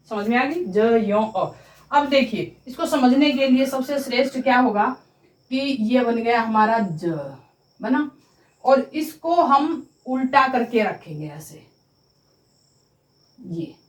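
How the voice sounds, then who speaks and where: A woman teaching grammar in a slow, deliberate way. She repeats each sound for pronunciation and checks with her students that they follow. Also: a little high, reverberant, poor audio. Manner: addresses viewers as students, checking understanding. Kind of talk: classroom-style explanation at a board.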